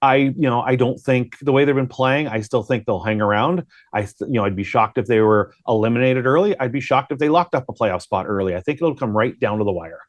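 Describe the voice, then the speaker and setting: A guest broadcaster offers conversational hockey analysis in a medium-pitched voice, speaking briskly with hardly any pauses. He thinks aloud, often posing rhetorical questions to himself, and there's no echo.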